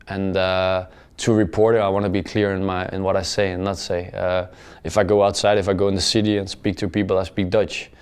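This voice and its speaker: A young man who plays football answers post-match questions in careful English, his low voice clear and resonant, with little pitch movement. He stumbles and repeats words, filling gaps with many an "uh." Plain and measured, he lets his phrases fade softly at the ends.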